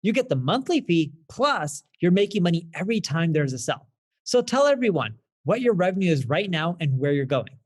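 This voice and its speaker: A man hosts a scripted investment interview with a highly varied, animated pitch. He prompts and sums up enthusiastically, in a promotional style. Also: a little fast. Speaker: host interviewing and promoting a company.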